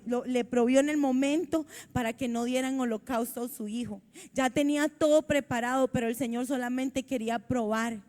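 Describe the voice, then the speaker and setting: A woman with a Costa Rican accent preaching a sermon in a church, reading scripture aloud and commenting on it fervently. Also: high voice.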